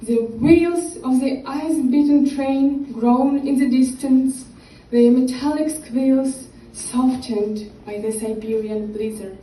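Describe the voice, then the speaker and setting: A woman gives a literary reading at an unhurried pace, her sentences sinking quietly at the ends. Her voice sits a little high but sounds mellow and dark-toned. She is set back from the mic in an echoey room. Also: steady tone, distant mic. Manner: slow, measured, dropping softly at line ends. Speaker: author reading her novel.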